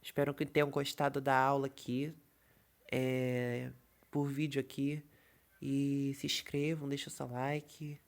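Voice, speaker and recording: A man's voice: medium pitch, flat delivery. A man teaching an English lesson in a casual online video, often checking in with his viewers. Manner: repeats filler checks like "tá" and "entendeu", explains slowly.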